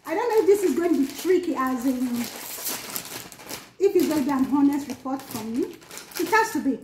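High voiced lady doing a casual snack review, crunching chips n going hmm, echoey room w some noise. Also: lively intonation, fairly quick, a little mellow. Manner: musing aloud while crunching chips, murmuring mm and hmm between phrases. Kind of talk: casual food-tasting vlog. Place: small bare indoor room. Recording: echoey room, clear background noise, crinkling packets. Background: crinkling chip bags, crunching, noise.

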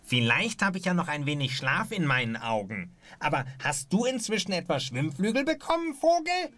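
A man's voice: a little high, sing-song, normal speed, a bit bright, no room sound, voice pushed up. A man voicing a sleepy, cheeky duck that teases the bird in a recorded musical fairy tale, with a nasal, quacky manner. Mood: teasing.

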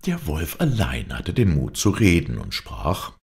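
A man's voice: a bass voice, a little slow. A man reading a folk tale aloud as a theatrical storyteller. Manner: lively, theatrical reading with voiced characters. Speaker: narrator reading folk tales. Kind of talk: storytelling narration.

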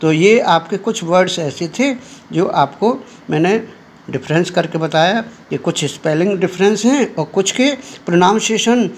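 Indian male teacher, slow high voice. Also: slight background noise. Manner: slow and deliberate, many "uh" fillers, addresses students as children. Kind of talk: classroom lesson, Hindi mixed with English.

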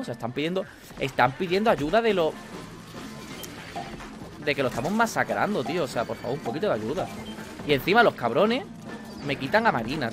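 A young man with a Spanish accent from Spain, chatting casually while playing a video game, excitable and swearing at the game. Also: medium pitch. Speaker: gaming YouTuber. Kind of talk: casual gameplay commentary. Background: video game music.

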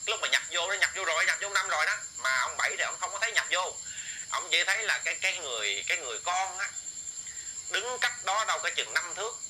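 Guy rambling through a ghost story, kinda high voice, lots of repeated words. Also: lively intonation, fast, pushed and bright, slight background noise, low-quality recording. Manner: rambling with many repeated words, addresses listeners directly. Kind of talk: casual oral storytelling.

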